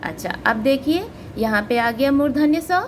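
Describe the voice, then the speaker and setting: A woman's voice: high voice, lively intonation, slight background noise. A woman teacher giving a phonics lesson to children, stretching out each syllable and explaining patiently step by step. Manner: slow, drawn-out syllables for children to repeat.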